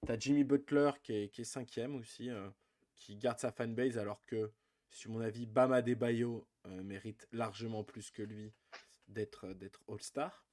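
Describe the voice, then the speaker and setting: A man, his voice sitting at an ordinary middle pitch. He co-hosts a casual live basketball show, chatting loosely with lots of hesitations and fillers. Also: a little slow. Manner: relaxed, many fillers, talks through vote rankings. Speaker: podcast co-host.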